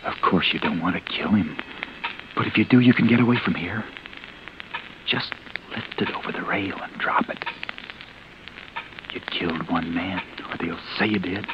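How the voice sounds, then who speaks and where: An actor playing a panicked young man hiding after a killing, narrating his dread in a tense, often hushed inner monologue. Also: low-pitched, normal speed, long pauses, background noise, lightly acted. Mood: urging. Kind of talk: 1940s radio drama narration. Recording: dull old radio broadcast.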